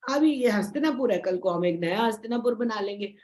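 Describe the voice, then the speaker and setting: A woman's voice: medium pitch, expressive, a little fast, darkish tone, low-quality recording. A woman spiritual teacher explaining scripture informally, in a chatty way full of tag questions.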